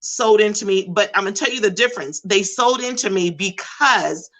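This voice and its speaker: A middle-aged woman, a school behavior specialist, telling stories in an animated, emphatic way during a panel discussion. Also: medium pitch, moderate pace, poor audio. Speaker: behavioral support intervention specialist.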